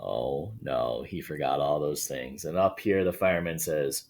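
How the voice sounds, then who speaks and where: His voice is extremely low and a bit slow as this male elementary school teacher reads a picture book aloud to children. He gives it expressive, playful energy and chats casually between pages.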